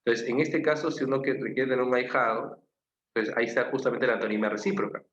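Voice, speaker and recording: A man's voice: medium pitch, fast talker, fairly bright tone. A man with a Peruvian Spanish accent, teaching an online class. He explains patiently, repeats key phrases and checks in with his students. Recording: roomy, slightly dull with faint noise.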